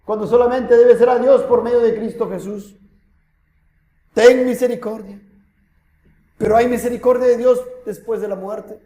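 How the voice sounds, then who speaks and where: A man preaches in a high, ringing voice, pressing his listeners with rhetorical questions. His delivery swings from loud urging to near-hushed warnings. The sound carries the echo of a church hall. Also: fairly even intonation, brisk, hardly any pauses. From Peru. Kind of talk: sermon.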